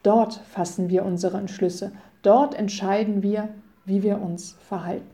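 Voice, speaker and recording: In a radio devotion read from a script, a middle-aged female preacher speaks with deep, mellow warmth. She keeps her sermon delivery steady and unhurried, quoting scripture in a solemn way.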